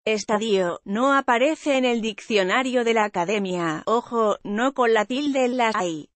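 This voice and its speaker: A woman reading a news article aloud in an even, measured way, as a news voice-over. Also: a little high, dry recording. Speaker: news reader.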